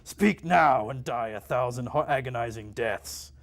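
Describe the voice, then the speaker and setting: A man reading aloud, voicing a huge male demon with slow, booming threats. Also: creaky. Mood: menacing. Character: hulking male demon, bellowing menace.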